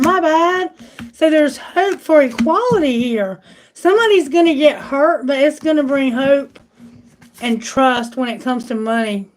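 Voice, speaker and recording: A woman's voice: high voice, low-quality recording. A woman doing a live tarot reading, chatty and exclamatory, thinking aloud, and losing her voice. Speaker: tarot reader.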